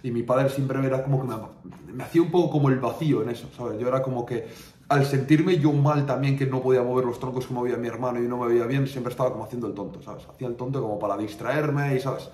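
Young man, from Navarre, fitness coach, candid casual chat, slangy fillers, mellow tone, faint background ambience. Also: mid-range voice, fairly even intonation, fast talker, slight background noise. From Navarre, Spain. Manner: colloquial, candid, peppers speech with "tío" and "¿sabes?". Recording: roomy sound, mic at a distance, faint ambience.

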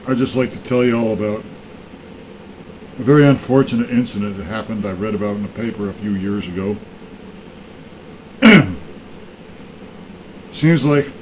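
A man vlogger casually telling a joke story to his viewers in a slow, deliberate, drawn-out way. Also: mid-range voice, a little mellow, slight background noise, poor audio.

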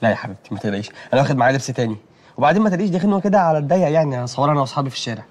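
A man's voice: mid-range voice, expressive, natural voice. An actor playing a cheerful young son and aspiring singer who teases his mother in an Egyptian TV drama, with an Egyptian accent. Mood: teasing. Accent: Egyptian Arabic. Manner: warm, teasing, quick.

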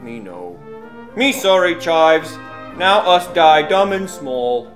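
A dim-witted cartoon brute as a puppeteer plays it, slow and halting. The monster speaks in simple, broken grammar. Music plays behind the voice. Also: medium pitch, sing-song. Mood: sheepish.

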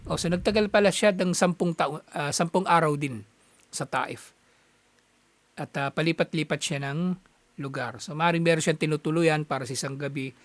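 A man's voice: a little high, no room sound. A man teaching a religious lesson as a casual story, in a chatty way that halts often to find his words. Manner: conversational, halting with frequent fillers. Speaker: Islamic teacher.

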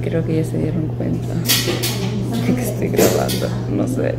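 A man vlogging in a restaurant, talking through a face mask, chatty and halting with fillers, keeping his voice low around other diners. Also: huge pitch swings, gravelly, over loud music. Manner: speaking quietly among other diners. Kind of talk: casual vlog chat. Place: restaurant dining room.

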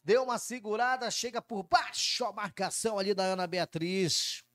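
A Brazilian man gives live play-by-play football commentary. His voice sits high for a man, and the sound is dry, with little room in it. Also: fairly even intonation, moderate pace, fairly bright tone, no room sound.

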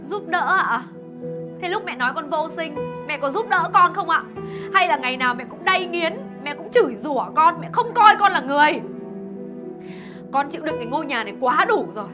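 A woman's voice: sits high, animated, a little fast. An actress playing a young wife who accuses her husband and mother-in-law, hurt and tearful. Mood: bitter. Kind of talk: short web drama acting. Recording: loud music behind the voice.

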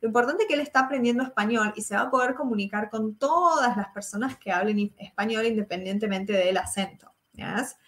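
A young woman from Argentina with an Argentine Spanish accent, teaching English in a live online lesson, drilling examples slowly and checking that students follow. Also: a little high, fairly bright tone, reverberant.

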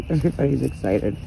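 A woman in her thirties filming her goats outdoors on her phone, chatting casually, laughing and cooing at the animals in a higher voice. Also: gravelly, warm tone, low-quality recording. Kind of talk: casual phone vlog narration. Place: outdoors in a farm pasture at sunset. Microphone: phone held while filming. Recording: outdoor phone audio with background noise. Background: goats and outdoor ambience.

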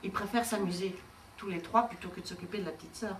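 A woman's voice: medium pitch, steady tone, fast talker. A woman teacher reading a picture book to small children, asking them questions in an encouraging, sing-song way. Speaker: preschool teacher. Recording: roomy room, far from mic, faint noise.

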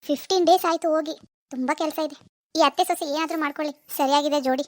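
A woman's voice: high voice, steady tone, fast talker, no echo, lightly acted. A woman playing a snobbish young woman of the family who scoffs in disbelief at her mother-in-law's change in a homemade family drama skit. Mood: scoffing. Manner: doubtful, scoffing.

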